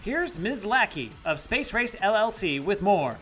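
A man's voice: high voice, sing-song, measured pace, fairly bright tone, soft background music, full character voice. An actor playing an upbeat male sports announcer in a radio-style comedy drama. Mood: excited.

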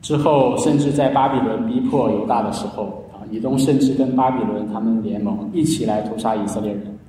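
A man's voice: mid-range voice, fairly quick, warm tone, slight background noise. A man preaching a sermon in earnest storytelling style, often stretching his sentence endings. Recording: echoey hall, heard from a distance.

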